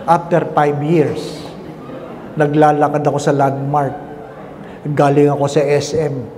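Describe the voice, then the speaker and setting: A man's voice: on the high side, little pitch movement, takes it slowly. A male priest giving a playful, story-filled homily, then leading a closing prayer. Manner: storytelling, playful, switching into English. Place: chapel. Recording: echoey chapel with background noise.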